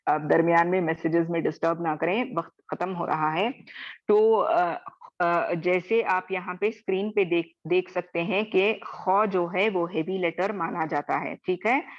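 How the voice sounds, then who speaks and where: A woman teaching Quran recitation in an online class, drawing out example words and often checking in with her students. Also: lowish voice. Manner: slow, repeats example words drawn out; often checks in with "theek hai?". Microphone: video call. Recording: dull lo-fi video call audio.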